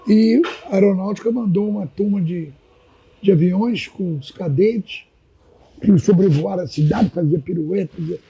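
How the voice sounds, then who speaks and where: A man's voice: sits high, normal speed, husky, muffled recording. A man, telling old stories as a podcast guest and often addressing the host by name. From Minas Gerais, Brazil. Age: 80s. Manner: animated anecdotal storytelling, repeatedly addressing the host by name. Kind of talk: casual storytelling chat.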